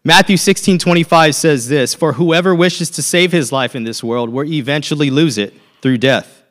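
A man's voice: on the high side, normal speed, fairly bright tone. A man in his thirties preaching a sermon as a pastor, telling a personal story in a conversational way and checking in with "okay?" often.

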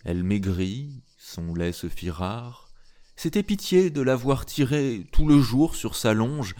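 Slow, theatrical storyteller man. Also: mid-range voice, expressive, mellow, faint music behind. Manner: slow and theatrical, addressing a listener. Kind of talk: expressive storytelling.

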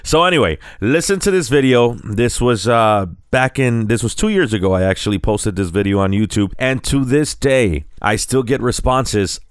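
Man, casual vlog chat, rambling, mixes English and Spanish, crisp voice, dry recording. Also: medium pitch, moderate pace, hardly any pauses, no room sound. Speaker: vlogger.

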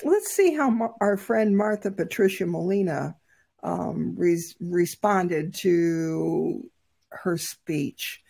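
A woman co-hosting a discussion podcast, speaking slowly and deliberately and stopping often to gather her words. Her voice is dark and gravelly, with a husky edge. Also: lowish voice. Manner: measured, thoughtful, with frequent fillers. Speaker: podcast co-host.

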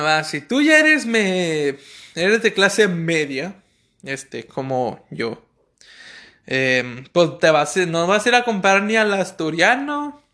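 A man's voice: high voice, pushed and bright. A man with a Mexican accent telling comic stories in a slangy, rambling way, as host of his own show. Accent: Mexican Spanish. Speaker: podcast host. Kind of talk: comic storytelling monologue.

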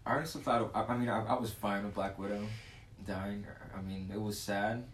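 A young man co-hosting a podcast, talking casually with quiet, wry asides. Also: fairly low pitch, fairly even intonation, brisk. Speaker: podcast co-host. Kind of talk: casual chat. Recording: roomy with faint background hiss.

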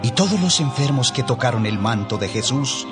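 A man narrating a Bible audiobook in a measured, expressive storytelling manner. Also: medium pitch. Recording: narration over background music.

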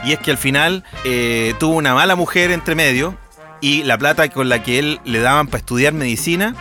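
A man's voice: a little high, normal speed, faint music behind. A Chilean man co-hosting a podcast, chatting casually about films and acting out characters' lines as he retells scenes. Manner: animated storyteller, acts out characters' lines. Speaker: podcast co-host.

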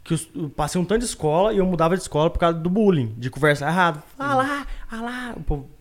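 A man's voice: a little high, very fast. A man with a rural Minas Gerais accent, talking earnestly and emphatically as a guest on a talk show.

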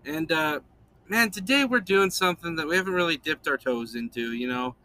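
A man's voice: on the high side, fairly quick, pushed and bright. A man hosting a podcast in casual chat, laid-back and rambling, chuckling often. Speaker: podcast host.

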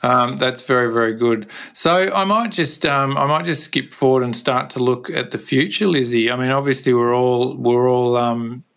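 A man's voice: medium pitch, moderate pace, gravelly, few pauses, a bit bright, smooth. A man with a Tasmanian Australian accent hosting a conversational podcast interview, often repeating and rephrasing as he goes. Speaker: podcast host interviewing a guest.

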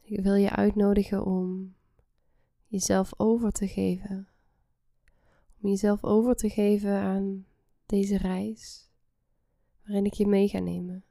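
A woman guiding a relaxation meditation in a soft, soothing, breathy half-whisper. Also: mid-range voice, level tone, slow, pauses often, dry recording, studio quality. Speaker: guided meditation host.

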